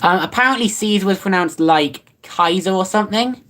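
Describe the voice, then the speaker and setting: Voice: medium pitch, brisk, a bit bright. A livestreamer chatting casually and reading out viewer comments. Rambles offhand, with many fillers and restarts and a playfully sarcastic edge.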